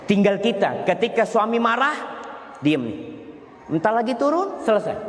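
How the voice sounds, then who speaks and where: A fairly high-voiced man delivers a sermon in a big echoing hall, a long reverb hanging after each phrase and faint ambience behind him. He tells his story energy, turns to the congregation to address them directly, and slips into the voices of the people in the tale. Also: slight background noise. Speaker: Islamic preacher.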